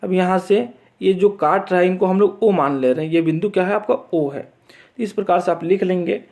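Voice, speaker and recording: A man's voice: high voice, normal speed, a little mellow. A man teaching math, walking students through a board exam assignment step by step and checking in often as he goes. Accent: Chhattisgarh Hindi. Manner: repeats steps with frequent "theek hai" check-ins.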